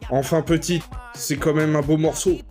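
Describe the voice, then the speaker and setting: A man's voice: on the high side, steady tone, moderate pace. A man talking viewers through a recipe in a casual, punning way, speaking straight to them. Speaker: home cook. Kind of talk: jokey recipe voice-over. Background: soft background music.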